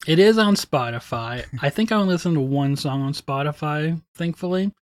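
A man co-hosting a casual podcast, sardonic and deadpan, with some swearing. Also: a little high, a little fast, dry recording, clean studio sound. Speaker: podcast co-host.

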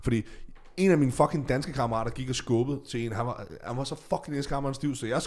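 A young man with a Danish accent, co-hosting a podcast, telling stories in a lively, swearing way and acting out voices. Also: medium pitch. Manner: animated, swearing, acts out voices in English. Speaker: podcast co-host. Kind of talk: casual storytelling chat.

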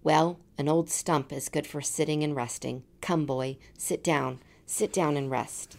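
A gentle old apple tree from a storybook voiced by a woman, coaxing and endlessly giving. The voice is low for a female one, with a creaky edge. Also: fairly even intonation, unhurried. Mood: sorry, worn out. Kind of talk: storybook read-aloud.

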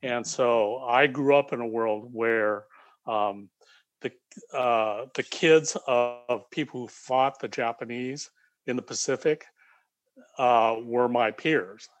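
A man from the United States, a guest on a podcast, speaking in a calm, measured and reflective way. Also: medium pitch, dry recording. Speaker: guest, leadership coach. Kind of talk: casual interview chat.

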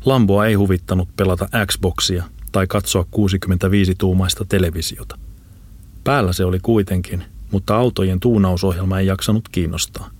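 A man reading an audiobook in a steady, measured narration. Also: low voice, no echo. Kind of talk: scripted narration.

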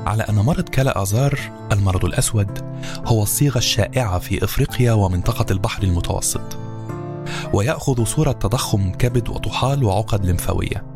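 A man narrating a novel in a calm, measured storytelling voice. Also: fairly low pitch. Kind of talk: audiobook narration. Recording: narration over background music.

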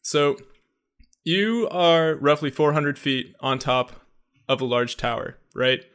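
A man hosting a casual talk show, easygoing and quick to laugh, walking his guest through hypothetical situations. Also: on the high side, fairly bright tone, smooth. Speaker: podcast host. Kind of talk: casual chat.

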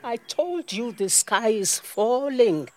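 In an audio drama, a woman voices an ancient talking olive tree, a stern and motherly spirit with a Nigerian accent who speaks in a grand, reproachful manner. Her fairly high voice has lively intonation and a slow pace, the recording is very noisy, and her mood comes across as knowing.

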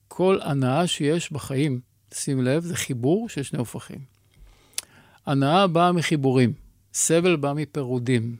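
A man, a rabbi and guest, explaining mystical teachings in a measured, teacherly way with rhetorical questions, recorded in a studio. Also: mid-range voice, gravelly, no echo.

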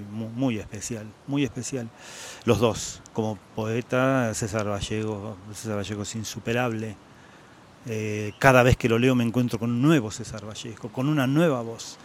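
A man in his sixties with an Argentine Spanish accent, speaking in a mid-range voice over a faint hiss or hum. He's a guest writer at a book fair, reflecting on his favorite authors, repeating words for emphasis and hesitating often.

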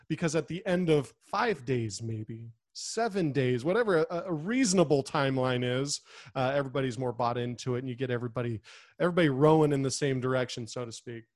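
A man in casual conversation, telling stories in an animated, restless way and acting out what people said. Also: on the high side, no room sound, studio quality. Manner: animated, restless storyteller who acts out quotes.

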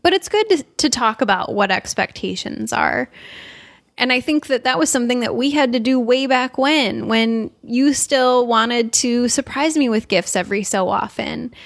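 A young woman co-hosting a podcast chats casually and offers earnest advice. Her voice is on the high side and her pace moderate. The sound is clean studio audio with no echo.

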